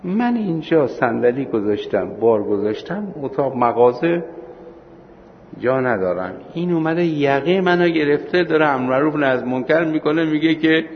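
A man teaching a seminary class on Islamic law, telling anecdotes with acted-out dialogue and slowing down for points of law. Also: fairly high pitch, lively intonation, highs cut off, slight background noise. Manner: storytelling, acting out dialogue, slows for points of law.

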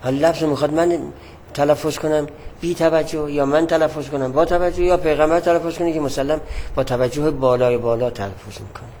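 Man giving a measured religious lesson. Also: a little high, a little mellow, a little hiss or hum. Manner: measured, explanatory, repeats key points. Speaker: teacher.

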